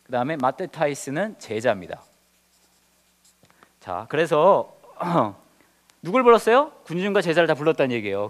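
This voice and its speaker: A man, a pastor, leading a Bible study lesson, asking his listeners questions and joking with them. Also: mid-range voice. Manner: lively teacher, quizzes the group, jokes.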